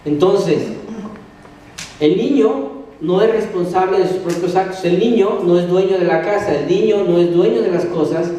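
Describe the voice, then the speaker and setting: A high-voiced Mexican man preaching in a very echoey church hall, picked up from a distance. His tone is mellow and dark, and he keeps asking the congregation questions that he answers himself. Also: normal speed. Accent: Mexican Spanish. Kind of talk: sermon.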